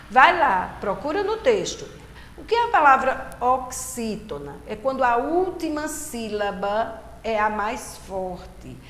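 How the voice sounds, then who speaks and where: Patient Brazilian woman teacher, slow and clear. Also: fairly high pitch. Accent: Brazilian Portuguese. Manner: slow, patient explaining, repeats key terms. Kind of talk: recorded remote lesson. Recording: roomy echo with faint background hiss.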